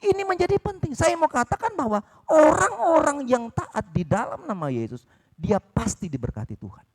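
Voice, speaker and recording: A man preaching a sermon at a church service, talking in an animated way and often asking the congregation "ya kan?". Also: extremely high pitch, normal speed. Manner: acts out quoted dialogue in changed voices.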